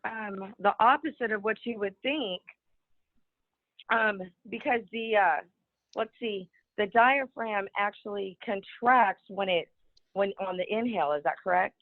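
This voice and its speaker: A woman's voice: mid-range voice, unhurried. Female student, hesitant, thinking aloud, tinny phone-like audio. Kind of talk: online class discussion.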